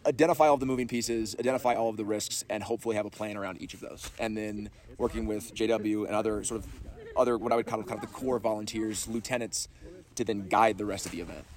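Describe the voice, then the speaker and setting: A man's voice: lowish voice, fairly even intonation, quick pace, darkish tone. A man whose voice is giving out, answering casually in an interview as a trail race director. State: voice giving out, losing his voice.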